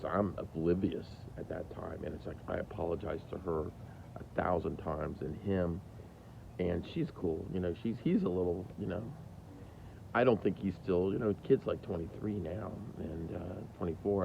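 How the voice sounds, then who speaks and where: A man in his fifties telling a candid personal story about his kids, animated, with big jumps in pitch. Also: vocal fry. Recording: dull lo-fi recording with faint hiss.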